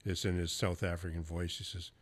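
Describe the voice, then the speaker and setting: A man's voice: sits low, little pitch movement, a little fast. A man hosting a podcast, telling hunting stories in a loose, casual way with the odd curse and laugh. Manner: storytelling, loose and profane, with laughs. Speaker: podcast host. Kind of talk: casual interview chat.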